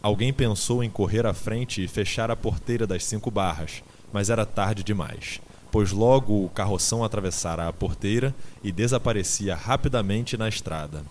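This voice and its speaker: A man narrating an audiobook in a measured, dramatic storytelling manner. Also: fairly low pitch, a little mellow, slight background noise.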